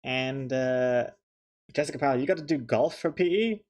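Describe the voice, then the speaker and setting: This young man from New Zealand talks at a moderate pace in a medium-pitched, somewhat dark voice. He's drawing on stream, keeping the chat casual, cracking jokes and thanking viewers as he goes.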